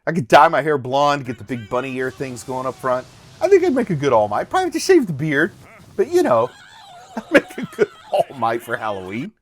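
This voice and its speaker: A man's voice: mid-range voice, huge pitch swings, fairly quick. A middle-aged man giving casual, jokey running reaction commentary as host, chuckling and exclaiming as he goes.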